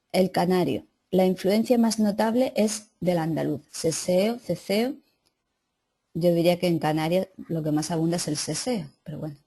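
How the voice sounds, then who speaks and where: A woman's voice: medium pitch, warm tone, breathy edge. A woman teacher reading lesson notes aloud and adding casual asides to her students. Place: classroom or online class.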